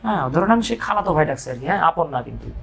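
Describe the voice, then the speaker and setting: A man's voice: fairly high pitch, very animated, quick pace, gravelly, fairly bright tone, faint music behind. A man from Bangladesh teaching an English grammar lesson, explaining step by step and breaking in with joking asides and questions to his students.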